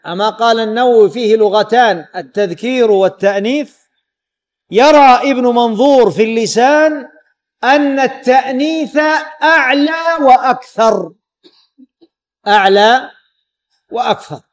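A man giving an Islamic lesson explaining a hadith, repeating key words and pausing to quiz his students. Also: extremely high pitch. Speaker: hadith teacher.

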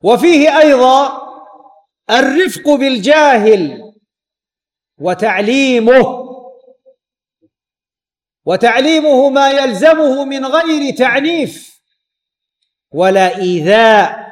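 A man giving an Islamic lesson explaining a hadith, repeating key words and pausing to quiz his students. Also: very high voice, animated. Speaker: hadith teacher.

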